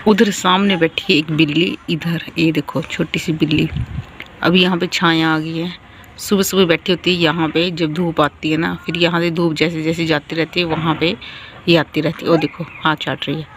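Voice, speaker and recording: A tired young mother talks casually into a handheld phone outdoors on a rooftop. Her voice sits in a middle pitch and stays fairly flat, with some faint outdoor noise behind it. She keeps things soft and chatty so she won't wake the baby. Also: moderate pace. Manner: chatty, talking softly to avoid waking a baby. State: tired, sleepy. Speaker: vlogger, mother. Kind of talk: casual family vlog talk.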